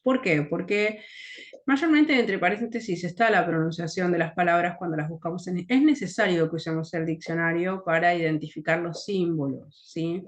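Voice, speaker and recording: A woman with a Rioplatense Spanish accent teaching an English grammar lesson, explaining patiently, often checking in with "¿sí?" and repeating English words slowly to model their pronunciation. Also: on the low side.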